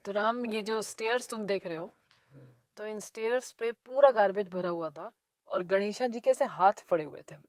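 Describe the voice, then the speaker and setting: A woman from India, an animated lake restoration activist telling stories in an interview with playful asides. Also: mid-range voice, normal speed, no echo, clean studio sound. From North India. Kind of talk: conversational interview storytelling.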